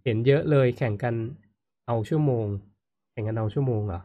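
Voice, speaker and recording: A man's voice: mid-range voice, fairly quick, no room sound. Man hosting a live chat, muffled. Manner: frequent murmured "mm" backchannels, reads comments aloud. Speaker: host. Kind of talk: casual live-stream chat, reading viewer comments.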